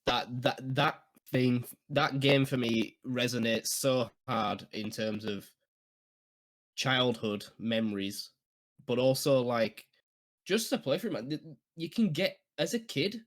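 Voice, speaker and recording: A man, chatting casually and nostalgically on a podcast, laughing often and filling pauses with ums. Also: mid-range voice. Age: 20s. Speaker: podcast co-host. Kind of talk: casual chat.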